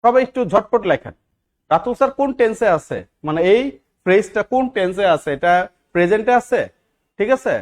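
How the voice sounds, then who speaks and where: High-voiced man teaching an online class. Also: animated, a little fast. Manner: asks the class rhetorical questions, repeats key words. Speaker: English teacher for job exams. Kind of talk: live online class lecture.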